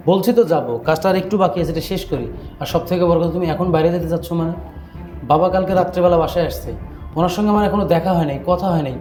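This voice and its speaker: A man's voice: on the high side, very fast, warm tone, faint music behind, lightly acted. A man playing a devoted son who pleads reasonably with his wife in a family drama. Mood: pleading. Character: devoted son, caught between wife and father.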